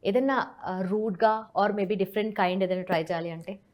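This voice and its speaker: A woman's voice: mid-range voice, fairly even intonation, brisk, a little mellow. A woman hosts an interview with a mid-range, everyday voice. She asks casual questions and slips English phrases into her talk. She often gives short acknowledgements between answers. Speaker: interview host.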